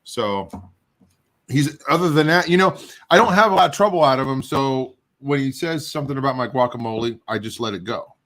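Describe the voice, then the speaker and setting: A middle-aged man hosting a casual chat while he tastes hot sauce. He rambles in a halting, self-deprecating way, and his nose is running. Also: medium pitch, fairly bright tone. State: runny nose. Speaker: show host.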